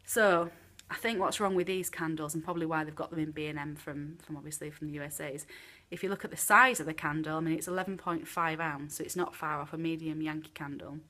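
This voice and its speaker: A British-accented woman gives a chatty, frank candle review full of ums, sounding a little chesty from a cold, in a home room with candles burning. Her voice is deep and sharp, with a steady tone, fast delivery, and few pauses.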